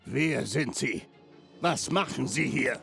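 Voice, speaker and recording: A man's voice: medium pitch, expressive, takes it slowly, gravelly, a bit bright, soft background music, exaggerated voice. An actor playing a bitter, domineering old man in a video game, with a stern and contemptuous manner. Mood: menacing. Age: older. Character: cold, bitter, domineering old patriarch with underworld past. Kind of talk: dramatic video game acting, German dub.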